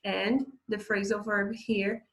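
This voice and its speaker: Slow gravelly-voiced woman teaching English. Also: mid-range voice, flat delivery, a bit bright. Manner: slow, hesitant, many fillers, laughs often. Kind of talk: casual English lesson describing pictures.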